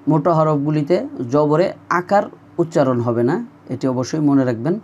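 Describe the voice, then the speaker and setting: A man with a Bangladeshi Bengali accent teaching a word-by-word Quran recitation lesson. He explains pronunciation points, then recites the Arabic words slowly and drawn out. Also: fairly high pitch, a little mellow, highs cut off, a little hiss or hum.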